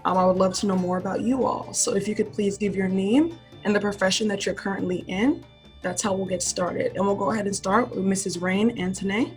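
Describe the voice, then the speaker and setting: A woman's voice: mid-range voice, steady tone, brisk, soft background music. A woman moderating an online panel, polite and enthusiastic, calling on each guest in turn.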